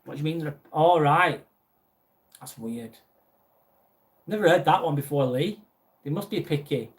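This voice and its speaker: This live stream host is a young Lancashire man from England's northwest, his voice pitched slightly high for a man. Loose and friendly, he takes his time, reading viewer messages aloud and replying to every one.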